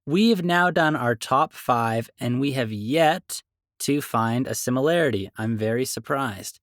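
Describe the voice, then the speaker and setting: A man's voice: medium pitch, expressive, a little slow, fairly bright tone, dry recording. A man with a mid-range voice hosts a podcast in a playful, upbeat way, trading jokes. His voice sits dry and close on the mic. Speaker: podcast host. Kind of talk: casual chat.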